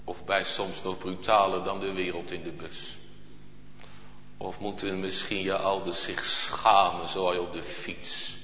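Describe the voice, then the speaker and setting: A man's voice: deep voice, flat delivery, measured pace, slight background noise. A man preaching a sermon in solemn, archaic churchly phrasing, rising at times to impassioned cries. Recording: lo-fi, echoey church hall recording.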